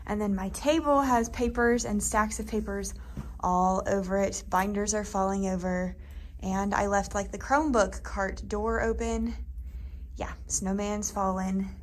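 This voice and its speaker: A young woman, a first grade teacher, chatting casually and upbeat as she walks through her classroom day. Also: mid-range voice. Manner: chatty, upbeat, filler-heavy. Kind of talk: casual vlog narration.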